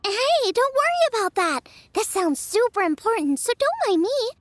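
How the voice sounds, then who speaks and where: A woman voicing an eager young female cook who pleads and gets excited easily. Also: very high-pitched, normal speed, dry recording.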